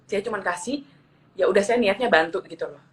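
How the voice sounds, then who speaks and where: A woman's voice: mid-range voice, fairly quick, slight background noise, low-quality recording. A young woman from eastern Indonesia, a guest telling personal stories in a casual interview, earnest and repeating her phrases as she goes. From Papua, eastern Indonesia. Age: young adult.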